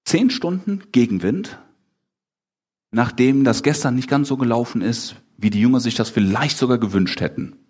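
Male preacher. Slightly husky, very animated delivery. Talks to his congregation conversationally. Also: mid-range voice, moderate pace. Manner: animated, asks the congregation questions, acts out the disciples' lines. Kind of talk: lively conversational sermon.

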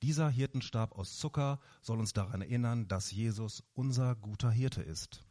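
A man voicing a kind, patient old candy maker gently explaining things to his granddaughter. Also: mid-range voice, moderate pace, close to an everyday voice. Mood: gentle.

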